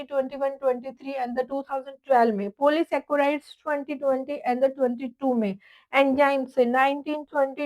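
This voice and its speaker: A woman's voice: high-pitched, darkish tone, low-quality recording. A woman teaching an exam-prep biology lesson, listing topics and past question counts and calling her students "beta".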